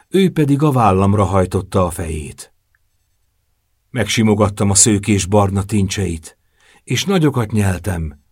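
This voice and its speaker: A man narrating a novel in the first person, in a measured, subdued storytelling manner. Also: on the low side, darkish tone, breathy edge, dry recording, clean studio sound. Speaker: audiobook narrator.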